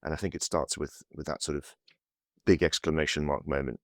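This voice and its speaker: Podcast guest: man from South Africa, very low voice, halting with fillers. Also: steady tone, dry recording, clean studio sound. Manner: hesitant, many fillers and restarts. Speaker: podcast guest, consultancy managing partner. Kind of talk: casual interview over a call.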